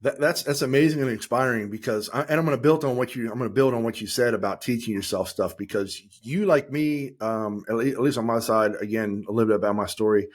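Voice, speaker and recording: A man's voice: mid-range voice, quick pace, few pauses. A man hosting a podcast, a former police officer, asking loose conversational questions in a casual interview.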